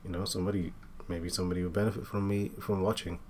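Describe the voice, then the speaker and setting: Man, late twenties, very low voice, halting casual chat while drawing, faint room hum behind. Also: flat delivery, darkish tone. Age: 20s. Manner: hesitant, many fillers and restarts. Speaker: art streamer.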